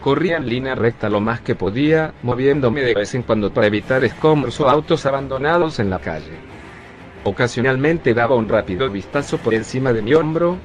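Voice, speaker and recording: A male text-to-speech voice narrating a first-person zombie story in a steady, even reading. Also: medium pitch.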